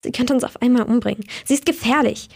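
A woman's voice: a little high, fast talker, creaky, a little mellow. A young woman reading as an anxious teen girl. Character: anxious troubled teenage girl.

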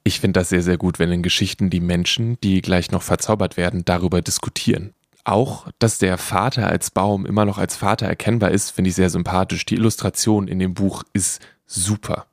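A man hosting a book podcast, chatting in a relaxed way. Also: low-pitched, a little fast, no echo, studio quality. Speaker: podcast host. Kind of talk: casual commentary.

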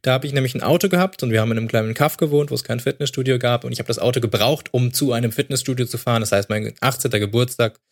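A man's voice: medium pitch, rapid-fire, hardly any pauses. A man of thirty, a podcast guest chatting casually about how he started training. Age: 30s. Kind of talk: casual interview talk.

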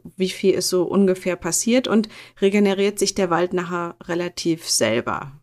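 A woman's voice: lowish voice, normal speed, darkish tone. This is a woman of about forty running a casual interview. She rambles a little and jokes about herself, and she keeps her tone loose and chatty. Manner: chatty, self-mocking, asks loose rambling questions. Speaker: host.

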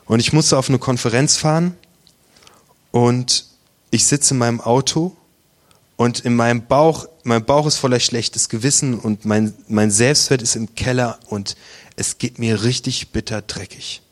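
A man with a medium-pitched, steady voice, speaking a little slowly, preaches a testimony sermon. He tells his own faith story earnestly and intimately, sometimes dropping to a near whisper.

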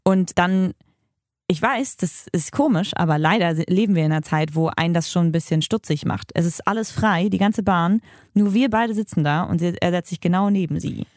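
A woman's voice: fairly low pitch, brisk, darkish tone, no echo, clean studio sound. A woman hosting a podcast, telling stories in a blunt, emphatic way and swearing freely. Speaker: podcast host. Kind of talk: casual chat.

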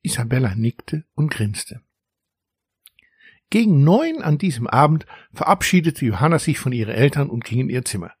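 A man calmly narrating a children's story as an audiobook reader. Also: mid-range voice, normal speed, husky, no echo, clean studio sound.

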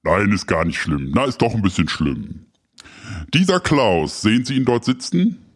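A man's voice: lowish voice, sing-song, slightly rough. A man playing a pompous, smarmy schoolteacher. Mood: smug. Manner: pompous, slow and smug.

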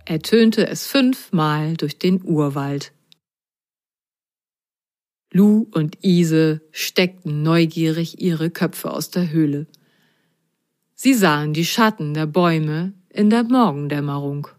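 Woman slowly reading a children's story. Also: low-pitched, darkish tone.

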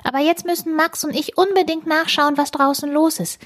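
A woman's voice: fairly even intonation, brisk. A woman voicing an eager five-year-old girl in a children's storybook reading. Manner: eager, high and bright.

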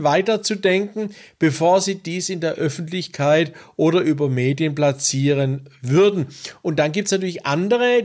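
A man working as a coach, giving a measured, deliberate interview answer with occasional hesitations. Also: high-pitched.

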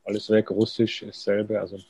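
Here a writer being interviewed on the radio speaks in a low, gravelly, dark yet mellow voice, delivered in a monotone. He's reflective and self-deprecating, slow to commit to his words and quick to laugh at himself.

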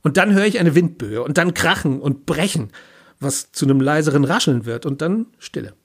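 A man's voice: on the high side, lively intonation, normal speed, husky. A man narrating a first-person story in a wry, speculative way.

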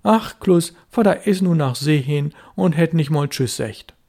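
A man's voice: on the high side, animated, measured pace, creaky, mellow, exaggerated voice. A man voicing a stubborn, earnest little boy with a raised, pleading voice in a storybook reading.

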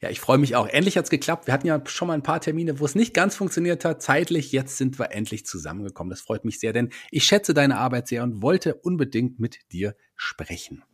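A man's voice: mid-range voice, expressive, fairly quick, hardly any pauses, slightly rough. A man hosting a casual interview podcast from his small home studio, chatty and emphatic. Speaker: podcast host.

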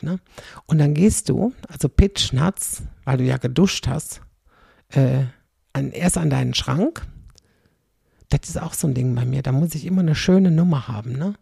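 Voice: mid-range voice, vocal fry, dark tone, breathy edge, no echo, clean studio sound. A middle-aged comedian, doing a chatty, rambling stand-up monologue and tagging sentences with "ne?". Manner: rambling, chatty, constantly tags "ne?".

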